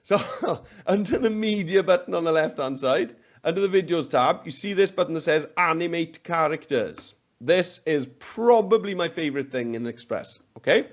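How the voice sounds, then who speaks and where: A Welsh-speaking man presents a webinar, giving a live software demonstration over a video call from an indoor room. His voice is fairly high and animated, moving at a moderate pace, and he comes across as upbeat and chatty, thinking aloud as he demos.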